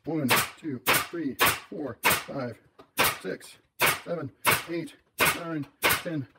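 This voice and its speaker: A man's voice: on the high side, extremely slow, very noisy. A man hosting a casual tool review in a home workshop, talking while he works and cracking jokes at himself. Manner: wisecracking, talks while working.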